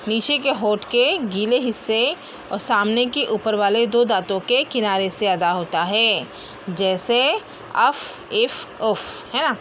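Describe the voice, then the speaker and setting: A woman teacher, slowly drilling letter sounds and repeating each one aloud, often checking with "है ना?". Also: medium pitch, a bit bright, a little hiss or hum. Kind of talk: Quran letter pronunciation lesson.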